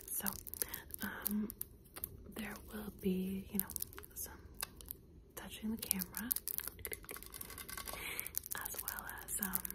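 A woman whispering gently and reassuringly through an ASMR video, speaking directly to the listener as if fixing their hair. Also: medium pitch, level tone, takes it slowly, pauses often, heavy background noise. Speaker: ASMR creator. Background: passing car.

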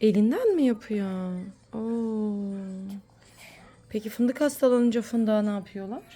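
A woman's voice: fairly high pitch, lively intonation, a little slow, dark tone, soft background music. A mother talking playfully with her sick young son, coaxing and sing-song. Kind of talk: casual play with a child.

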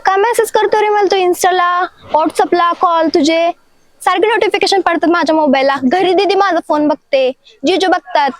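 A woman's voice: very high-pitched, normal speed, no echo. A young woman playing a worried, scolding schoolgirl in a comedy sketch. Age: teens. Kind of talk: acted comedy sketch dialogue.

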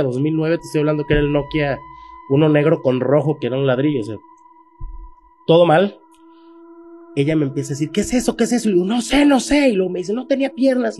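A man in his thirties with a Mexican Spanish accent appears as a guest telling a frightening paranormal story from his own life. His warm voice is on the high side, his speech casual and slangy, and he raises his voice when quoting people, with a little hiss or hum in the audio.

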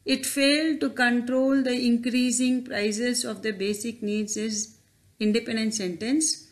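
A woman teacher, explaining grammar over slides in a careful, questioning way. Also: a little high. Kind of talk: slide-based grammar lesson.

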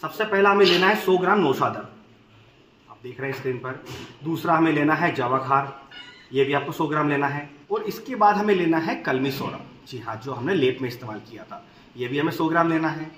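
A man in his thirties talks to camera as a goat farmer and channel host, laying out a remedy step by step and repeating the key points for his viewers. His voice sits a little high. The sound carries the echo of a large open shed over a faint bed of background noise. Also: animated, a little fast, fairly bright tone. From India. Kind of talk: instructional farming video. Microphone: camera at medium distance, standing to camera.

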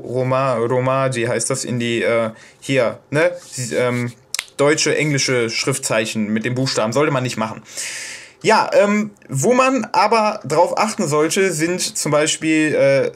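A man from Germany explaining pronunciation in a casual, hesitant tutorial, with many fillers and restarts. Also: a little high. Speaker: video host explaining Japanese pronunciation. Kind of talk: casual self-made tutorial.

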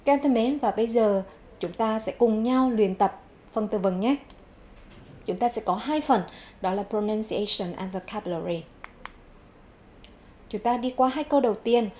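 Woman teacher with a clear, measured delivery. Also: a little high, darkish tone. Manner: repeats each English word twice, then gives its meaning. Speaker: English teacher. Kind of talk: televised vocabulary lesson. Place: TV studio.

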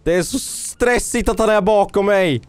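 A man narrating his own gameplay in a fairly high voice, excitable and loud with his character, cheering it on and scolding it by turns. English phrases slip in between his sentences. Faint game music plays behind him. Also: clear, resonant tone, no echo. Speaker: gaming YouTuber. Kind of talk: let's-play commentary.

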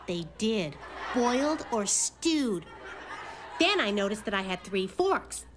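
A woman voicing a quick-witted, spunky little girl in a cartoon, with a chatty, wry comic delivery. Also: medium pitch, big pitch swings, noisy background. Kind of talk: cartoon acting and stand-up comedy bits.

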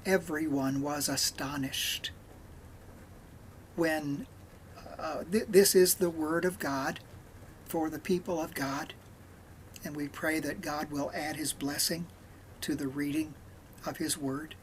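A man leading a morning devotional, reading scripture aloud in a measured way with pauses. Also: on the high side, steady tone, slight background noise. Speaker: devotional leader.

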